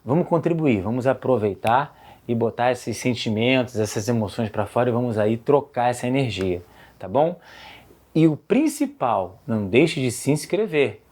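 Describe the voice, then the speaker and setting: A man with a Brazilian accent, a psychologist, hosts an informal educational video about emotions, speaking conversationally and directly to the camera. His mid-range voice has lively intonation, a normal pace, and a slightly mellow quality.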